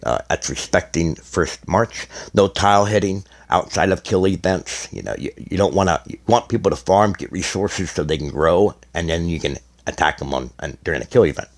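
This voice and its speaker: A middle-aged man, slightly hoarse, explaining a strategy game in a rambling, casual way as a gaming content creator. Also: sits low, animated, moderate pace, hardly any pauses. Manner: rambling, many restarts and fillers. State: slightly hoarse, losing his voice.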